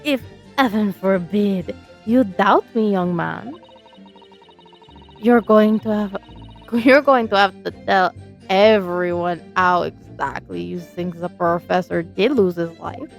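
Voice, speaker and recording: A woman's voice: medium pitch, slow, creaky, soft background music. A woman voicing a prim young female witness in a game, with a put-on French accent and a condescending manner. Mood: haughty.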